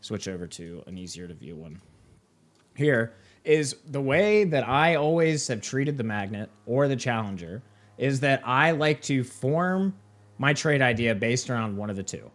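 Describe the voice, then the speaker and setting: Young guy running a live trading walkthrough, loose and chatty, says "right?" a lot, mid-pitched voice. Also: sing-song, unhurried. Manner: casual, filler-heavy, keeps asking "right?" and "okay?". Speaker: trading platform host. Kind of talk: live screen-share walkthrough.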